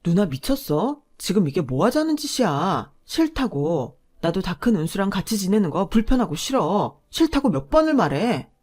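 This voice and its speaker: A woman's voice: medium pitch, lively intonation, normal speed, warm tone, natural voice. A woman voicing a frustrated married man arguing with his older sister. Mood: exasperated. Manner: frustrated and pleading. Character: exasperated younger brother, a married man.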